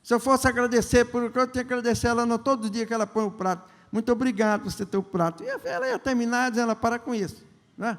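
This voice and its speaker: A male bishop with a high, lively voice preaches a sermon in a large church hall with long reverb. He's conversational and joking, asks the congregation questions, and acts out the characters' lines in quick voices.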